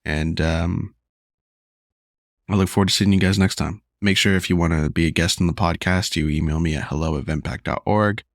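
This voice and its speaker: A man's voice: low voice, fairly even intonation, normal speed, no echo, studio quality. A man hosting a solo podcast, talking in an earnest, confessional way while losing his voice and feeling unwell. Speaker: podcast host.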